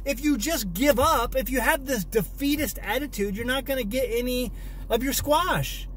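Sitting in a parked car with his phone at arm's length, a man in his thirties who hosts a homesteading channel delivers a casual selfie-vlog rant. His voice is very high and fairly bright, his pace moderate, and he's emphatic, repeating words to drive points home.

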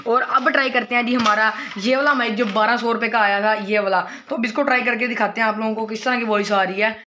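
A man's voice: very high voice, pushed and bright. Chatty young-sounding man testing mics. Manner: chatty, talks straight to viewers, many fillers. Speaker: vlogger. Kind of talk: casual unboxing and mic-test vlog.

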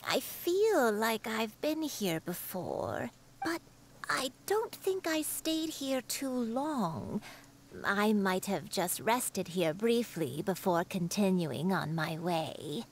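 A woman voicing a frail, gentle elderly grandmother in a video game, speaking softly and often in a breathy hush. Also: mid-range voice, very animated, a little hiss or hum. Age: older. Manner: soft-spoken, slow, often breathy and hushed. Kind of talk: game voice acting.

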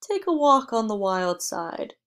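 A woman reading an audiobook, voicing a stern middle-aged father who shouts in anger. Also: a little high, very animated, unhurried. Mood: coaxing.

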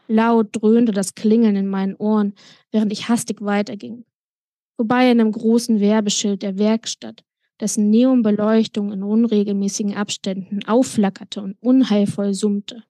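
A woman reads a passage from her own novel aloud in a calm, even narrating voice. Her voice sits at a middle pitch for a woman. The recording is dry and close, with no room echo. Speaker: author reading her novel. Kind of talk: audiobook-style reading.

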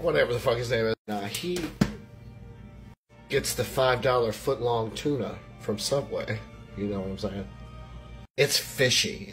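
A man in a mid-pitched voice rambles through a crude comedy recap, swearing freely and laughing at his own jokes. Faint music plays underneath. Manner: profane, rambling, laughing at himself. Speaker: comedy video host. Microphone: handheld recording with VHS box in hand.

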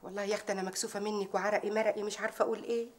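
Actress as a brash proverb-spouting Egyptian maid. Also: female voice, mid-range voice, flat delivery, very fast, a little hiss or hum, close to an everyday voice. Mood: sly. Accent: Egyptian Arabic. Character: bold sharp-tongued Egyptian housemaid, woman, middle-aged. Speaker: housemaid confronting her employer's rival. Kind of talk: TV drama acting.

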